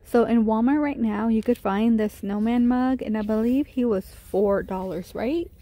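This shop-with-me vlog is shot on a handheld phone as a woman strolls a large retail store indoors, chatting and raving over cute items. Her voice is fairly high-pitched, at normal speed, with a dark tone.

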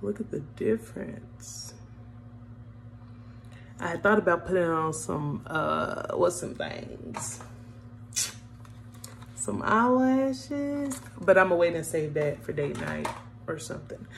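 A woman's voice: on the low side, fairly even intonation, unhurried, vocal fry, slight background noise. A woman chatting casually to viewers as she does her makeup, humming along as she works. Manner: chatty, addresses viewers as y'all, hums while working. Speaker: beauty vlogger. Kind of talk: casual makeup vlog chat.

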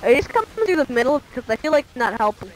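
A woman giving casual, excitable, chatty commentary while playing a video game with friends. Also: sits high, rapid-fire, slight background noise, rough recording. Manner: excitable, chatty, prone to shouting out. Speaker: gaming commentator.

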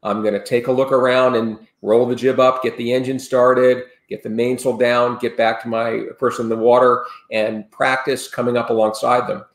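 In a casual explanatory interview, a sailing expert in his sixties talks through safety steps from a room at home, rambling earnestly and restarting often. His mid-range voice is flat, at normal speed with few pauses, captured as roomy video call audio via webcam.

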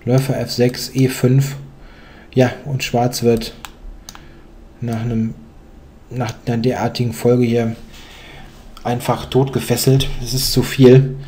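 A man's voice: medium pitch, level tone, unhurried, pauses often, mellow. A young man commentating a chess game, explaining moves thoughtfully with many hesitant fillers.

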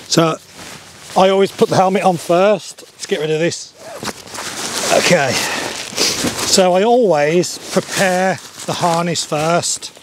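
A middle-aged man giving a relaxed paragliding lesson step by step on an open hillside, wearing a clip-on mic. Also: high-pitched, takes it slowly, pauses often, noisy background. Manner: relaxed, chatty, explains step by step. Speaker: paragliding instructor. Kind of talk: outdoor tutorial. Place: open grassy hillside outdoors.

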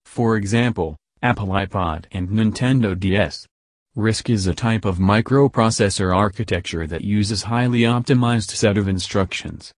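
Man, low voice, dry close sound, measured scripted explainer narration. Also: dry recording.

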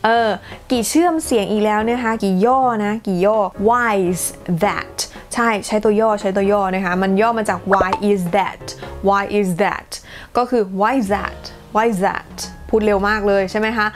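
A woman hosting a casual English lesson, chatting in a lively way and mixing English phrases into her explanations. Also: medium pitch, moderate pace, few pauses, faint music behind. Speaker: English teacher and channel host.

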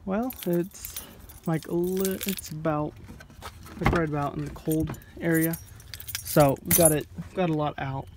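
A man's voice: a little high, steady tone, unhurried. A man casually talking through a car repair step by step, rambling and thinking aloud with lots of ums, filmed on a handheld phone. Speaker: DIY car vlogger. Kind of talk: casual how-to narration. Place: in a moving car, then outdoors beside it at night. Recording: loud road and engine noise.

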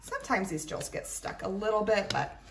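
A woman's voice: mid-range voice, expressive, normal speed, far from the mic. Female hobby reviewer, informal hands-on demo style, roomy sound with faint noise and clicks from handled items. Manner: chatty, informal, talking while handling items. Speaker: craft product reviewer. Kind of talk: casual product demonstration. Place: indoors at a tabletop, roomy. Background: clicks and rattles of handled items.

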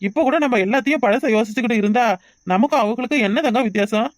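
A woman voicing a gentle, loyal husband in a cartoon, speaking in a calm, reasoning way. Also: fairly high pitch, fast talker, no echo, studio quality, close to an everyday voice. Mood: soothing. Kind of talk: cartoon voice acting.

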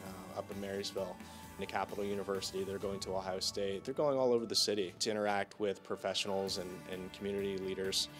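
A man's voice: low voice, level tone, quick pace, fairly bright tone, faint music behind. A man in a video interview, steadily listing field trips and praising the exchange.

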